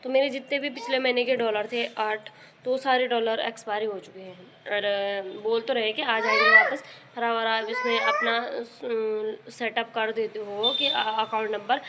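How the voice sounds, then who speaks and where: A young woman and mother vlogging in casual chat, rambling with many pauses and fillers, and rising into high, coaxing calls when she talks to her baby. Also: animated, noisy background. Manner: rises into high, loud, coaxing tones when calling the baby.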